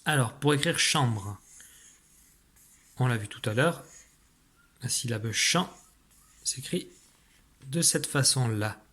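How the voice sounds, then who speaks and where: A man, a teacher giving a recorded spelling dictation, patient and clear, slowly articulating each sound. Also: medium pitch, animated, pushed and bright.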